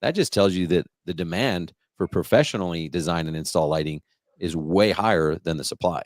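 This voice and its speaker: A middle-aged man talks business in a casual, enthusiastic way, explaining his points with confidence. His voice sits very low, and the recording is dry and close with no room sound. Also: a little fast, no room sound. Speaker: lighting business coach. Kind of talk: casual interview chat.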